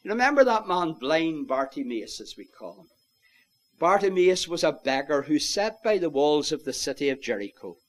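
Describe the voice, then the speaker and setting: A man preaching an evangelistic sermon, earnestly pleading with his listeners and rising to loud, impassioned calls. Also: on the high side, sing-song, normal speed. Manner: old-fashioned biblical phrasing.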